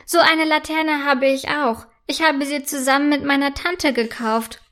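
An eager little boy from a storybook who calls out, voiced by a woman reading aloud. His voice is raised and sits high. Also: fairly even intonation, measured pace, a bit bright.

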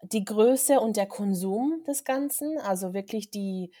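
In a casual interview on a podcast, a young Swiss woman who directs films speaks at a measured pace in a warm, mid-range voice. She comes across thoughtful and unsure, using lots of fillers.

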